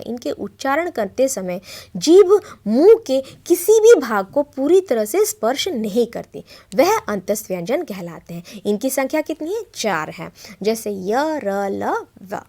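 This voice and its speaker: A woman's voice: fairly high pitch, dark tone. A woman teacher giving a televised grammar lesson to children, asking them questions and answering them herself, drawing out letter sounds one by one. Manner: explains slowly, often asks children questions and answers herself.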